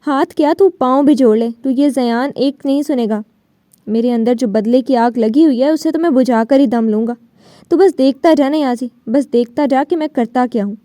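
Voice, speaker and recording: A woman's voice: high voice, warm tone, no echo, clean studio sound, close to an everyday voice. A woman reading the part of a vengeful young man in an audiobook novel, with a menacing, sneering delivery. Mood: scornful.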